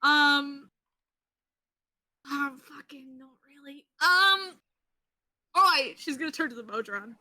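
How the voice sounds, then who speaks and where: A woman's voice: sits high, animated, slow, pauses often, sharp tone. A woman chatting casually as a player in a tabletop role-playing game, wry and informal. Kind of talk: casual improvised role-play chat.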